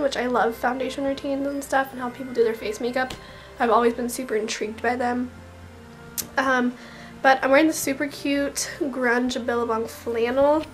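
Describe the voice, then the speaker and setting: A beauty vlogger in her twenties chats casually in a small bedroom, recorded on a close-framed camera mic. Her high voice is slightly raspy with an unclear throat, since she's recovering from illness and keeps clearing it. Gushing and chatty, she drops into whispers while doing her makeup.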